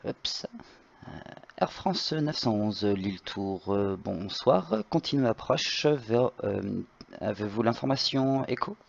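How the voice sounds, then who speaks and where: A male tower controller with a low voice full of vocal fry. He gives clearances politely and hesitantly, and the microphone sounds dull. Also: animated, takes it slowly. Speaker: tower air traffic controller in online flight simulation. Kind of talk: radio phraseology, giving clearances.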